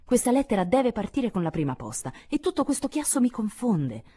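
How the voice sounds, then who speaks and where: A patient, middle-aged mother of four, gently flustered and pleading for calm, as a woman reader puts her on. Her voice rises a bit above the reader's dark, mellow base in a storybook reading. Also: fairly high pitch, a little fast, slightly rough, pitched above the performer's own voice.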